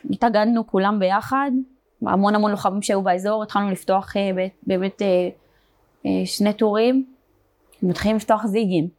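Young woman giving halting testimony. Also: mid-range voice, steady tone, a little mellow. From Israel. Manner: halting, with many fillers and restarts. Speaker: guest, border police fighter. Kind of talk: personal testimony in an interview.

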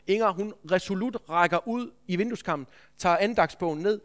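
A man's voice: sits high, a bit bright. A man preaching a sermon, telling a story in an earnest, anecdotal way with frequent restarts. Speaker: preacher, school head.

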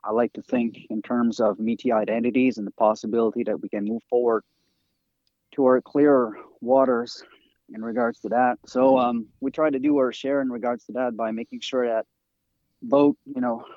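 Halting French-accented man, dull lo-fi audio. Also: mid-range voice, steady tone, darkish tone, no room sound. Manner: halting, many fillers and restarts. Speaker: guest researcher and author. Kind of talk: interview talk over a call.

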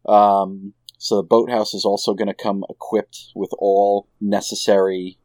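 A man with a very deep voice chats loosely with a group of friends, wandering through his ideas with plenty of fillers. The sound is dry and close. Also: measured pace, dry recording. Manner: relaxed, rambling with many fillers. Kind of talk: casual group chat.

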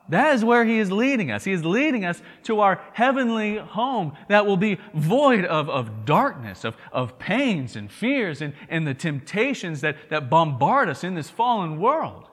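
Man, Southern accent, pastor, earnest sermon, repeats words, fairly high pitch, reverberant hall. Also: sing-song, a little slow, fairly bright tone. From Tennessee. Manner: earnest, repeats words, asks "right?" often.

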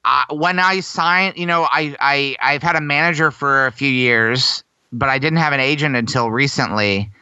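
A man's voice: medium pitch, normal speed, bright, forceful tone, clear, resonant tone, dry recording, muffled recording. An American man telling self-deprecating stories in a casual interview, laughing often. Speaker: guest performer.

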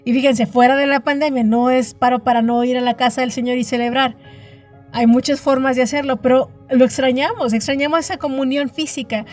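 A woman's voice: high-pitched, fairly even intonation, brisk, darkish tone, faint music behind. A middle-aged woman preaching a devotional sermon, earnest and emphatic, often repeating words as she builds a point.

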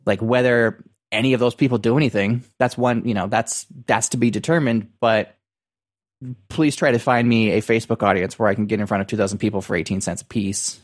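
A man co-hosting a casual business podcast, talking in a halting, circling way full of filler phrases. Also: lowish voice, fairly even intonation. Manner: halting, circling phrasing with repeated "you know" and "like". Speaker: podcast co-host.

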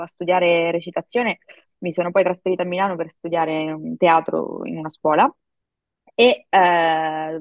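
A woman in her thirties, an actress and acting coach, telling a story in a lively podcast chat, full of fillers. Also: fairly low pitch, gravelly, no echo, phone-quality sound. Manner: animated storytelling with many fillers. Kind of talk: casual podcast conversation.

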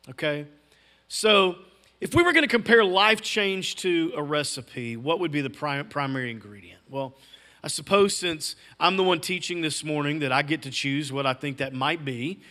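A man's voice: on the high side, bright, forceful tone. A middle-aged man preaching a sermon as pastor, emphatic and repeating key words. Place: church sanctuary.

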